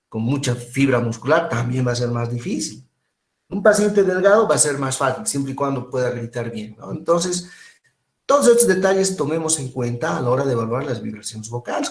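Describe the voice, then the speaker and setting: A man giving an informal medical lecture, lively and rhetorical, often asking "right?" and mimicking voices. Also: mid-range voice, reverberant.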